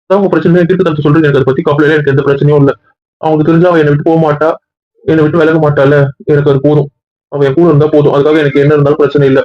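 A man who talks extremely fast and pleads over and over, clinging to his wife in casual family banter. His voice sits a little high and comes through a dull, lo-fi recording. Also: flat delivery. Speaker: husband in a family skit.

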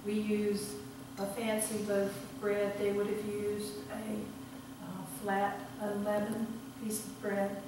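A woman pastor speaks in a measured, formal way, her even, steady voice bouncing around a vast sanctuary with a cathedral echo. She sounds set well back from the microphone. A steady hiss of background noise sits under everything. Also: medium pitch. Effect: cathedral echo, heard from far off. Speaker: pastor leading worship. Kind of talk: liturgical prayer and communion liturgy. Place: large church sanctuary.

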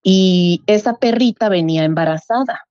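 A middle-aged woman tells a story casually and animatedly, putting on the voices of the people she quotes. Her voice is mellow and warm. The sound is dull and lo-fi, with a dry, close feel. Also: medium pitch, normal speed, dry recording. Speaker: guest telling a true story.

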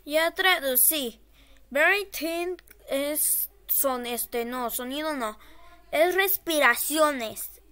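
A woman's voice: high voice, drawn-out words, bright, forceful tone. A woman horror game streamer giving casual, scared gameplay commentary, nervously repeating short phrases.

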